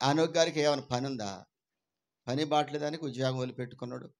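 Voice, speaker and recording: A man preaching as pastor at a church prayer meeting, swinging between loud cries and low, intense asides into a microphone. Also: fairly even intonation, fast. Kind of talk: sermon. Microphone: microphone through a sound system.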